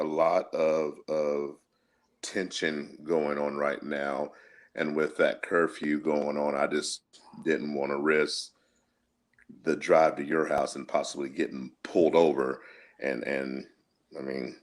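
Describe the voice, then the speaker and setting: A man co-hosting a casual show from home, telling things in a halting, conversational way. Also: very deep voice. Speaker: podcast co-host. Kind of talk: casual chat, recounting events. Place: indoors at home, remote call.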